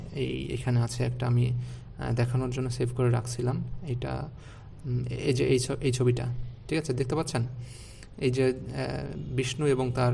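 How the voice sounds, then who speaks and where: A man with a gravelly, fry-edged voice teaches an online spelling class. He is patient and repetitive, saying each word twice and checking in with his students. His pitch sits in an ordinary middle range. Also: a little mellow, slight background noise. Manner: patient, repeats words and checks with "okay?".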